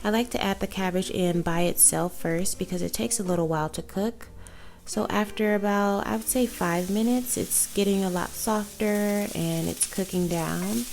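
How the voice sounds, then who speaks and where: Relaxed woman narrating her cooking. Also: medium pitch, moderate pace, vocal fry. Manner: relaxed step-by-step narration with fillers. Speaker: cooking vlogger. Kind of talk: casual cooking walkthrough.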